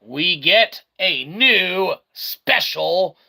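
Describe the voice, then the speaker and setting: His voice sits high, bright and forceful, with lively intonation, drawn-out words and vocal fry. As a video game streamer and reviewer, he clowns through casual commentary using wordy catchphrases and mock-formal asides, while game sound fills a very noisy recording.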